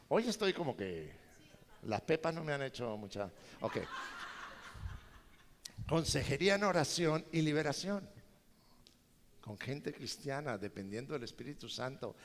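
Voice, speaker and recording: A male pastor preaching a sermon, animated and joking with his congregation. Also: mid-range voice. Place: large church hall. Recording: reverberant church hall.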